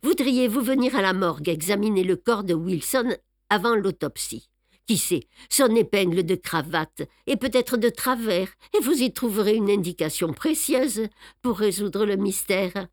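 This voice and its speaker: A woman's voice: mid-range voice, lively intonation, moderate pace, no room sound, studio quality, close to an everyday voice. A woman reading an audiobook, voicing a bluff, joking male police inspector with a bantering manner. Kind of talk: audiobook character voice.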